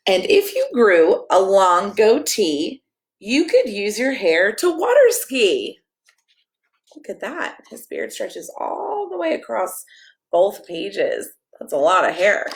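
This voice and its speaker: Speaking slowly at a medium pitch with huge swings, a middle-aged American woman pastor reads to children in a sing-song, playful way. She also chats with them directly in this expressive story-time session.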